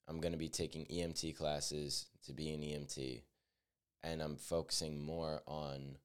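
A man's voice: a bass voice, clean tone. A nineteen-year-old man hosting a solo podcast, talking earnestly and reflectively, often restarting his sentences and leaning on fillers. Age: teens. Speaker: podcast host.

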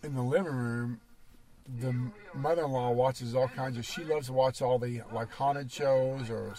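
A man in casual chat, talking in a drowsy, halting way with many fillers. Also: mid-range voice, fairly even intonation, mellow.

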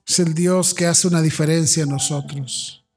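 A man preaching a sermon in a church as pastor, passionate, repeating his questions and rising to shouts. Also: on the high side, steady tone, normal speed, soft background music. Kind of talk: sermon with altar call.

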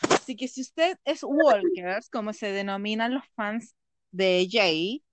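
A Chilean woman co-hosting a podcast in casual chat, excitable and teasing, laughing often. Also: medium pitch, slow pace, no room sound. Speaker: podcast co-host.

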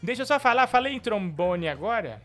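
Animated comedic male show host. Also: sits high, brisk, faint music behind. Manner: jokey, animated hype-man ad reads. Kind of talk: live comedy show with phone calls and ad reads.

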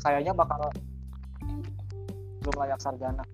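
Young male student, hesitant and pausing, on glitchy call audio that drops out, with clear music underneath. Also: a little high, steady tone. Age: young adult. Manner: halting, with restarts and long pauses. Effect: choppy audio that keeps cutting out. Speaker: university student interviewee. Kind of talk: online interview.

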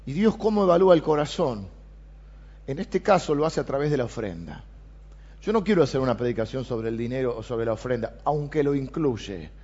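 A man with a Rioplatense Spanish accent, preaching a sermon and reading scripture aloud with animated emphasis. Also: medium pitch, a little fast. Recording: dull lo-fi sound.

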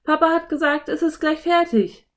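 A woman's voice: sits high, moderate pace, voice pushed up, lightly acted. A woman doing a careful, bookish young boy. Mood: curious.

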